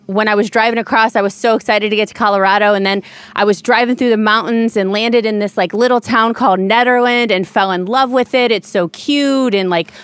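A woman's voice: on the high side, fairly even intonation, fairly quick, clean tone, dry recording. Chatty woman telling a rambling story. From Ohio, USA. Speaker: podcast guest. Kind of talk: casual storytelling.

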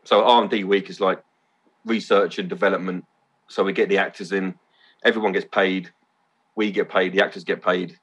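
Male podcast guest, husky and fairly low-pitched, eager storyteller who swears casually. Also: steady tone, normal speed, a bit bright, dull audio. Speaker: podcast guest, event organiser. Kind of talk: casual chat.

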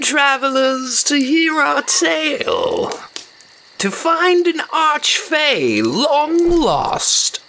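A woman's voice: high-pitched, fairly bright tone, slight background noise, full character voice. A woman playing a grand bard who recites a rhyming tale to travelers in a theatrical, rhythmic cadence. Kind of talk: theatrical rhymed episode introduction.

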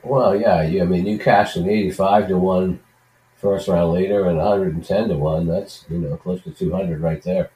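A man co-hosting a sports betting podcast while sick with a cold, speaking in a monotone. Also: deep voice, moderate pace. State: has a cold. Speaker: podcast co-host. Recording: echoey, distant remote mic.

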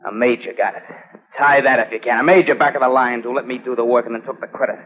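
A man's voice: mid-range voice, fairly even intonation, quick pace, natural voice. An actor playing a bitter, scarred male war veteran who speaks in a mocking, sarcastic way, in 1940s radio acting. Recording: tinny old radio broadcast with music.

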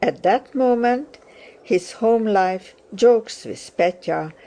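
A woman narrating a classic novel as an audiobook, with a measured, unhurried reading. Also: fairly high pitch, animated, warm tone. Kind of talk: scripted narration.

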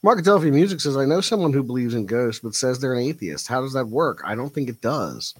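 A man hosts a late-night live stream, pondering viewer comments in a relaxed, reflective way. His pitch moves around expressively. The sound is close and dry, with no room around it. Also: quick pace, breathy edge, no room sound. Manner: thoughtful, reflective, with frequent fillers. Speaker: livestream host. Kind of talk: casual livestream chat reading viewer comments.

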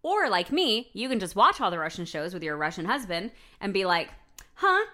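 A woman from the United States co-hosting a casual chat, playful and chatty, telling stories in an animated way. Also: medium pitch, a little fast. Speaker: podcast co-host.

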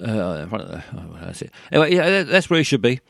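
A man hosting a call-in radio show, rambling in a halting way with many fillers and restarts. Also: mid-range voice, very animated, gravelly, fairly bright tone, no room sound, studio quality.

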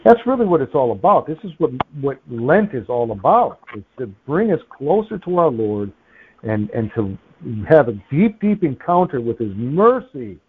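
A man's voice: mid-range voice, very animated, moderate pace, a little hiss or hum. A man hosting a religious talk radio show, preaching fervently with repeated phrases. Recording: tinny phone-line audio.

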